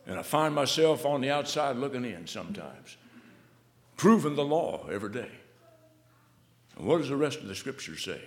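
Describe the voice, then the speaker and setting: A man preaching a sermon, dropping to low murmurs and rising to fervent shouts. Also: big pitch swings, normal speed, pauses often. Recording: long hall reverb.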